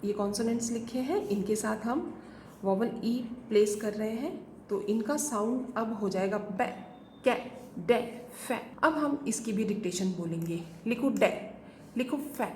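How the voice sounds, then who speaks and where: A woman teaching a phonics lesson to parents, slowly sounding out simple words letter by letter. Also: medium pitch. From India. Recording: echoey room, faint noise.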